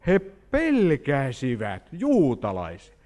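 Man preaching, animated storytelling, lively up-and-down voice, echoing hall. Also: medium pitch. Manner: animated storytelling with questions to the congregation. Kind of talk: sermon. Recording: hall reverb.

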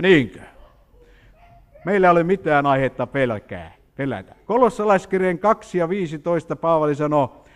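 Lively preacher in reverberant hall. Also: male voice, on the high side. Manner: animated storytelling with questions to the congregation. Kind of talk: sermon.

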